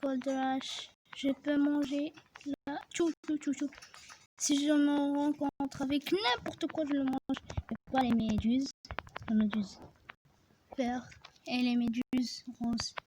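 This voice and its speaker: A woman giving casual commentary over her own gameplay, excitable, yelling at the game and restarting her sentences often. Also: high-pitched, slow, slight background noise, poor audio. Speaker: gamer narrating her play. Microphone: phone screen recorder mic.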